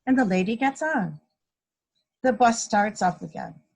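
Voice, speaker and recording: In a children's read-aloud, a guest reader who is a mother speaks with a mid-range, expressive voice that is creaky and darkish, keeping a measured pace. She walks young listeners through a picture book with simple, teacherly explanations and playful sound effects.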